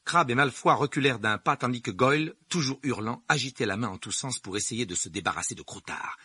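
A man calmly narrating a novel in a steady reading voice. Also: fairly quick, breathy edge, no room sound. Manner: calm, lowered narrating voice. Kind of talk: audiobook reading.

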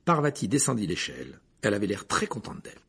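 A man narrating an audiobook in a measured, even storytelling manner. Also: fairly low pitch, husky. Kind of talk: scripted narration.

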